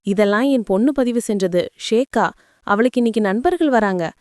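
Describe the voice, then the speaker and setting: A woman doing an older housemaid, stern yet tender, soft and clear, dark mellow tone, storybook reading. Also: on the high side, no echo, clean studio sound, lightly acted. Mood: warm. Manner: soft but clear, slow and pleading.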